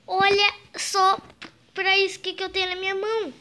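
A young man voicing Darwin, a gentle cartoon fish boy turned into a baby, speaking eagerly and explaining things in a Minecraft role-play. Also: very high voice, completely flat delivery, moderate pace, slight background noise, heavily acted.

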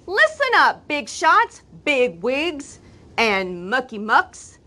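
A woman's voice: high voice, sing-song, slow pace, background noise, heavily acted. A woman voicing a boastful young boy with big plans in a storybook read-aloud, brash and sing-song. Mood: bossy.

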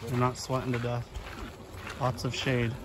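Outside at a farm nursery, a man in his thirties narrates a casual vlog into a phone he holds at arm's length. He speaks at a normal pace in a medium-pitched monotone, and faint outdoor noise can be heard.

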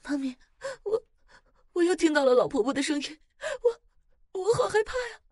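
A woman's voice: mid-range voice, steady tone, normal speed, a little mellow, slightly rough, no room sound, studio quality, close to an everyday voice. A woman voicing a frightened young girl who stammers and sobs as she tells a ghost story. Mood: terrified sobbing. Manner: stammering, sobbing.

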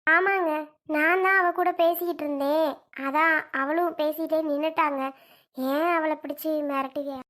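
Brief: woman as a put-upon rural wife, very high-pitched, pleading and shrill. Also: steady tone, moderate pace, a bit bright. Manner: pleading, then shrill and alarmed. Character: put-upon village wife standing up to husband. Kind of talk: homemade village comedy skit.

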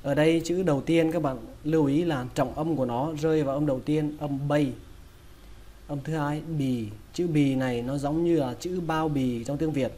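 A man with a Vietnamese accent leads a slow pronunciation lesson, breaking English words into their individual sounds and repeating each several times. His slightly high voice is mellow, soft, and steady in tone.

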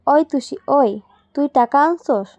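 A woman voicing a grumpy middle-aged male tea-stall keeper who scolds in rough. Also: high-pitched, slow pace, darkish tone, dry recording, muffled recording. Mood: scolding.

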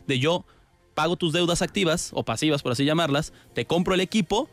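A man co-hosting internet sports radio, with a voice that sits a little high for a man. He relays football business news and trades quick lines with the panel. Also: fairly bright tone, soft background music. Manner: reports news, quick back-and-forth. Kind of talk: casual sports radio banter.

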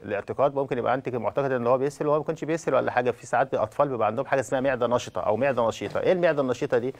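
A man's voice: medium pitch, racing. A man in his forties with an Egyptian Arabic accent, a pediatrician hosting a TV call-in show and explaining at length, often restarting words, recorded on a lapel mic in a studio. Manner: explanatory, gestures a lot, frequent restarts. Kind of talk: TV medical advice talk.

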